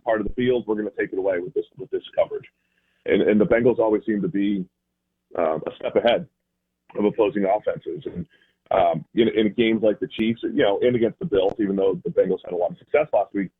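On a tinny remote line into a radio show, a husky-voiced American man pitched on the low side talks football casually. He's from the Boston area and tends to rephrase things while explaining.

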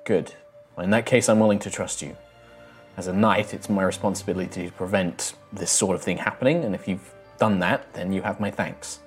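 A man's voice: low voice, a little fast, soft background music, close to an everyday voice. A man voicing a stern, protective female knight who watches over a holy temple. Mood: firm. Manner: protective, firm and suspicious.

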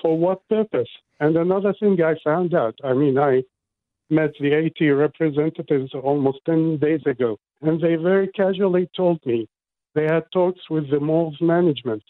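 Indignant guy on a phone line into a radio show, slightly high voice, dry thin sound. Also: no echo. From Iraq. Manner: earnest, indignant, measured. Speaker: guest, resident.

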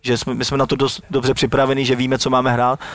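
A man, a former footballer, is chatting in an interview, circling back with restarts and fillers. His voice sits at an ordinary middle pitch. The room sounds dry and close. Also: monotone, a bit bright, no room sound. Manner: rambling, many restarts and fillers. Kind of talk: casual interview chat.

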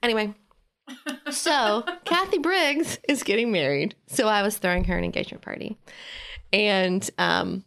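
Lady in her 40s, gravelly voice, lively storyteller, casual podcast chat. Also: medium pitch, normal speed. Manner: animated storyteller. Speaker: podcast co-host.

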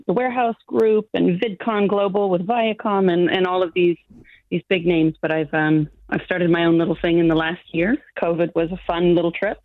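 This guest is a show judge, a woman not from New Zealand, whose lowish voice carries no room sound. Talking in a remote interview over a thin, phone-like line, she is animated and confident and often breaks into laughter.

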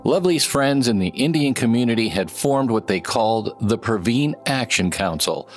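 A man giving scripted documentary narration in a measured, even delivery. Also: mid-range voice, faint music behind. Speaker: podcast narrator.

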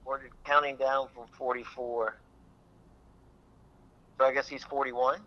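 A man's voice: medium pitch, little pitch movement, unhurried. A man calling in on a buzzy, glitchy phone line, guessing hesitantly through a quiz and swearing mildly. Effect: buzzy, glitchy phone call audio. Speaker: caller playing a phone quiz. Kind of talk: casual on-air phone chat.

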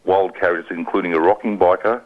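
A man's voice: sits low, fairly even intonation, quick pace, phone-quality sound. A man casually sharing film trivia as a radio review presenter.

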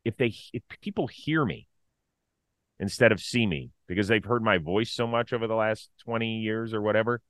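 A middle-aged man co-hosting a casual sports talk show, animated and opinionated, full of quick asides. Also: lowish voice, dry recording. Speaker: podcast co-host.

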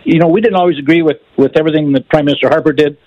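A man speaking over the phone as a call-in guest, frank and brisk, often repeating words as he restarts. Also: on the high side, fairly even intonation, dry recording. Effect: heard over the phone. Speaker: call-in guest, former politician. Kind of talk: casual call-in chat. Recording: muffled phone line, dry.

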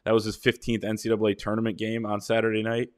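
Male podcast host, lowish voice, relaxed analyst talking through the games at length. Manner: measured, builds long points with fillers. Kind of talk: casual sports analysis chat.

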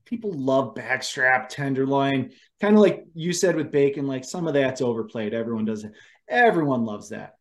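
A man hosting a casual chat, telling animated stories about cooking wild game and laughing often. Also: mid-range voice. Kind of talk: casual conversation.

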